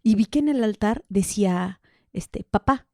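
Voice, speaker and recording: A woman, a podcast guest telling candid personal stories in an animated way, acting out the dialogue. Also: mid-range voice, measured pace, dry recording, studio quality. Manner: animated, laughs often, acts out quoted dialogue. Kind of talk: candid conversational storytelling.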